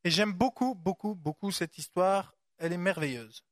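A preacher giving a conversational sermon, breaking off from the reading to chat and ask listeners to picture the story. The voice sits at a middling pitch and shifts often between a lifted reading tone and a low aside. The sound is close and dry. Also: moderate pace, no echo. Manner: lively, conversational, asks listeners to imagine, many asides.

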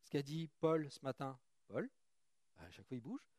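A man's voice: mid-range voice, big pitch swings, moderate pace, dark tone, no echo, clean studio sound. A man preaching in a church, reading scripture aloud and breaking into chatty asides to his congregation. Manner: reads scripture then comments casually, chatty asides to the congregation. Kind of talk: sermon with Bible reading.

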